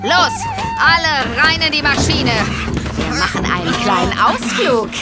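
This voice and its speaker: Scheming female crook, audio drama, mocking, threatening, highish voice, very lively intonation, clear music behind. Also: a little slow. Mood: threatening, scornful. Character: scheming, menacing female criminal, annoyed and boastful. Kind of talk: children's audio drama acting.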